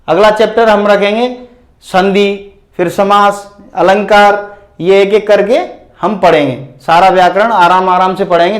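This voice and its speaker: A man teaching a grammar lesson in a video, slowly explaining with examples, repeating definitions and asking the class questions. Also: high-pitched. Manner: slow, deliberate explaining with spoken examples.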